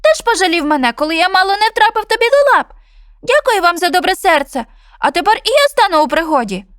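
A woman's voice: very high voice, big pitch swings, fast, fairly bright tone, dry recording, clean studio sound, pitched above the performer's own voice, exaggerated voice. A woman voicing a small, grateful bullfinch in a children's story, chirpy and eager.

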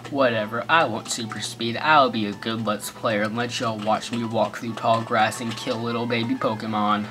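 Faint game music sits under this American man's goofy let's play commentary, which rambles along at a moderate pace. His voice is mid-range with fairly even intonation, and he fills the talk with jokes and sarcastic asides.

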